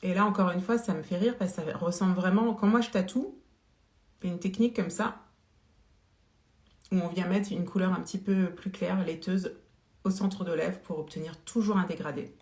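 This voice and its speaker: A woman's voice: lowish voice, normal speed, a little mellow. A woman hosting a casual live-stream product demo, chatty and full of fillers, greeting viewers by name. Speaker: beauty live-stream seller. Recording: roomy echo.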